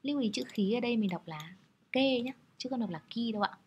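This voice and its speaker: A woman's voice: mid-range voice, lively intonation, racing, lo-fi sound, slight background noise. Patient woman explaining a kanji lesson. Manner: patient, explanatory, adds friendly particles. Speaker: Japanese kanji teacher. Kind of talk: explaining lesson over slides.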